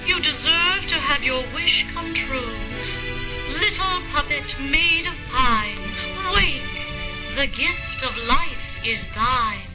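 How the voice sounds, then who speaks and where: A woman's voice: high-pitched, slow pace, poor audio. A woman playing a serene, benevolent fairy with a solemn, gracious manner in a storybook radio play. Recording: music behind the voice.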